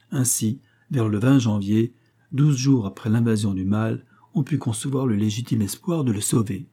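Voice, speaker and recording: Dark, husky man reading a novel aloud. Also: lowish voice. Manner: steady, even-paced narration. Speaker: audiobook narrator. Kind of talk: classic novel read aloud.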